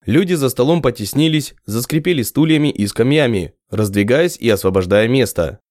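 A man narrating an audiobook in a lively storytelling manner. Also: medium pitch, normal speed, dry recording, studio quality. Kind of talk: scripted narration.

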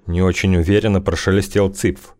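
Low-voiced male audiobook narrator. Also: little pitch movement, fairly quick, darkish tone. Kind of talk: scripted narration.

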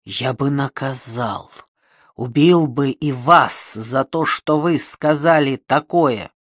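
A reader voicing a tormented male killer who breaks into hysterical, fervent shouting in an audiobook. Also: medium pitch, dry recording, clean studio sound. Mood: raving. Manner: slow, halting, fervent. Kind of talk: audiobook reading.

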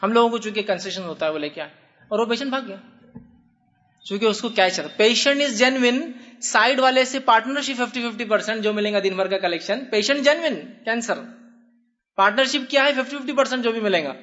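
High-voiced storytelling man. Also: muffled recording. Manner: lively storyteller acting out exchanges. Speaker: lecturer answering audience questions. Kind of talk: religious lecture, anecdotal Q&A answer.

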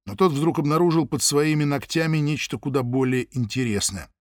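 A man narrating an audiobook in a vivid, expressive storytelling manner. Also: a little high, fairly quick, no echo, studio quality. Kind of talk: scripted narration.

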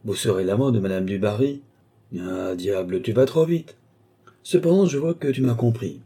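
A man reading an audiobook, voicing a scheming old male marshal who wheedles and then scolds in sudden high bursts. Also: lively intonation, normal speed, mellow, husky.

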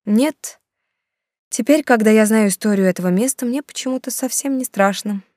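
A woman voices a curious, thoughtful young wife in an audiobook, pitching a little higher than her own voice and acting lightly. Her tone is darkish at a normal pace, captured as clean studio sound with no echo.

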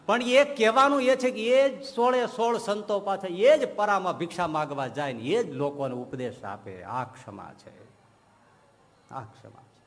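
A man, a swami, giving a storytelling sermon in speech and acting out the quoted saints in lively turns. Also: sits high, moderate pace, hardly any pauses. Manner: animated storyteller who acts out quoted saints. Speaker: swami giving a religious discourse. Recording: long hall reverb.

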